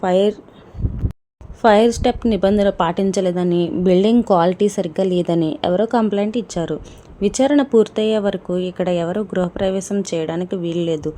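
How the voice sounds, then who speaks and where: A woman's voice: medium pitch, normal speed, mellow, slight background noise, close to an everyday voice. Woman voicing a stern male officer. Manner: stern, curt.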